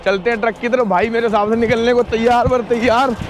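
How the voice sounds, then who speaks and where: Speaking fairly quickly in a very high-pitched voice, an Indian man vlogs about trucking amid background noise. His casual, lively chat to viewers, whom he calls brother, moves between the truck cab and a snowy yard outside.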